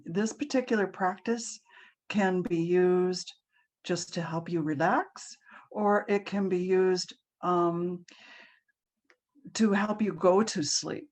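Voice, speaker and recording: Woman meditation guide, low pitch, unhurried calm delivery. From Hawaii. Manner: slow, soft and soothing, with frequent ums. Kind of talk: guided relaxation class.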